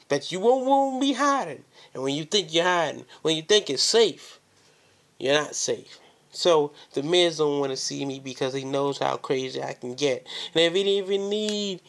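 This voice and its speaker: Casting: male wrestler for a boastful call-out promo, fairly high voice, confrontational, hammers phrases by repeating them. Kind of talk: wrestling promo, calling out an opponent.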